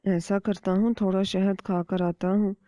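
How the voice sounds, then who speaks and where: A woman's voice: medium pitch, flat delivery, dark tone, dry recording, close to an everyday voice. A woman voicing a sly, hungry male kite bird villain in a cartoon, muttering his schemes to himself. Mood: scheming. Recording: dull dry lo-fi recording.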